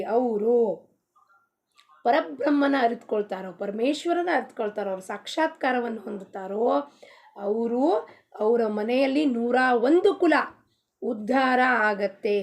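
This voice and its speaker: A woman giving a devotional talk as a spiritual teacher, asking rhetorical questions and answering them herself. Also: on the high side. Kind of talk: devotional discourse in Kannada with sung Marathi abhang.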